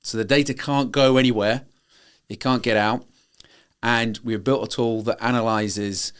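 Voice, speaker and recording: A man from Britain co-hosting a tech podcast, explaining things in a matter-of-fact, casual way. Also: on the low side. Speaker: podcast co-host. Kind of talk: casual chat.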